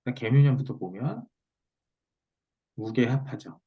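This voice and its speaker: A man teaching over a muffled, lo-fi video call, with a husky voice. His pitch moves up and down freely as he explains, and he often stops to check that the student follows with short tag questions. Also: expressive, normal speed, warm tone. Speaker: teacher of Korean saju fortune-telling. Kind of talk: one-on-one online lesson, explanatory talk.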